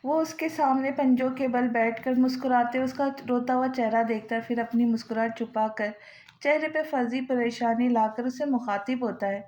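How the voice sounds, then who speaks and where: A woman narrating a novel in a steady storytelling manner with small slips. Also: fairly high pitch, moderate pace. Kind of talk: novel reading.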